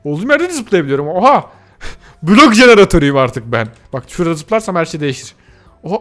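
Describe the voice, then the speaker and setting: A man giving excited let's-play commentary, gasping and exclaiming as he talks to his viewers and himself. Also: fairly high pitch. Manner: excitable, gasps and shouts at surprises. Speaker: gaming youtuber.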